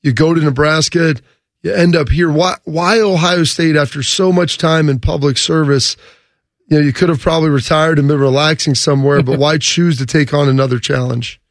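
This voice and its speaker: A man's voice: on the high side, steady tone, normal speed, no echo, clean studio sound. A man asking questions conversationally as a radio interviewer.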